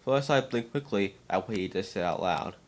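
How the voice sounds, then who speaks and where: Reading a fan-made story in a storybook style, a man with a rather low voice sounds animated and moves fairly quickly. His delivery is amateur, stumbling now and then and repeating words.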